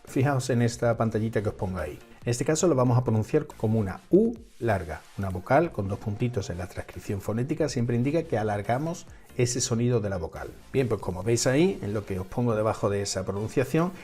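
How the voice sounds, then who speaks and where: A man's voice: mid-range voice, expressive, a little fast, few pauses, dark tone, soft background music. A man with a Peninsular Spanish accent, teaching English pronunciation in a patient, step-by-step way, repeating each example word. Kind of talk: scripted lesson.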